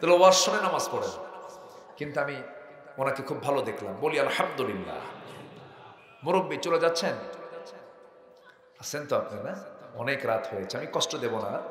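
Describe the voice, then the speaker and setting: A man with a Bangladeshi Bengali accent preaching a sermon at a night gathering, throwing questions to the crowd and swinging from soft asides to loud shouts. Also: mid-range voice, lively intonation, normal speed, pauses often. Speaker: Islamic preacher. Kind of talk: open-air waz sermon. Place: outdoor religious gathering at night. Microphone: PA microphone. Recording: echoey PA sound in a large outdoor gathering.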